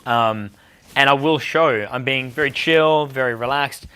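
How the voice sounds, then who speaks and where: A young man leads a dating seminar with a bright, forward voice. He talks bluntly and swears freely, often acting out bar conversations. His pitch sits in an ordinary middle range. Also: unhurried, clear, resonant tone. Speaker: dating coach. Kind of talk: seminar talk answering questions.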